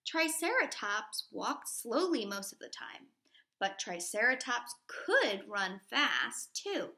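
A slightly high, sing-song voice belongs to this woman in her thirties, a primary school teacher reading to young children. She goes slowly with a sharp tone, explaining simply and asking questions throughout the lesson.

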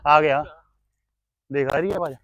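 Man, Punjabi accent, high pitch, casual instructional talk, dry dull sound. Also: moderate pace, a bit bright, dry recording.

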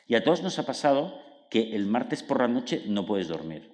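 A man giving a public book talk as author and psychologist, explaining lively and acting out inner dialogues with many tag questions. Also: medium pitch, moderate pace. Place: cultural centre hall. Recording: long hall reverb.

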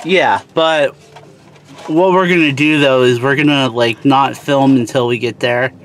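A man's voice: medium pitch, fairly even intonation, measured pace. A man in his thirties chatting casually to a phone camera from inside a moving car, rambling and talking to his viewers. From North Carolina. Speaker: travel vlogger. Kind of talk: casual chat. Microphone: phone camera held close. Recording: loud road noise in car.

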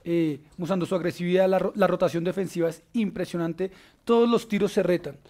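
A man with a Colombian accent hosting a casual basketball panel, enthusiastic and full of filler pauses. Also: high-pitched, steady tone, a little mellow. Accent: Colombian Spanish. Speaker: sports show host.

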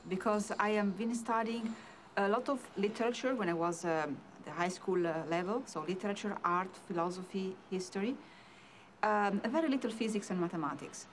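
A middle-aged woman, a physicist, speaking calmly and with care in an interview. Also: mid-range voice, a little fast. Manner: calm, considered. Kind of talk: reflective interview. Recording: noisy background.

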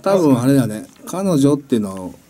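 A man's voice: medium pitch, big pitch swings, fairly quick, warm tone. A young man hosting and judging a comedy contest with casual banter. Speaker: host and judge.

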